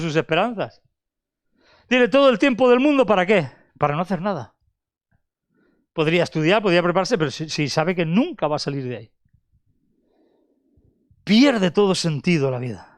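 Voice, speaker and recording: An older man preaching a sermon, asking rhetorical questions and repeating phrases, moving between raised and hushed delivery. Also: sits high, dry recording, studio quality.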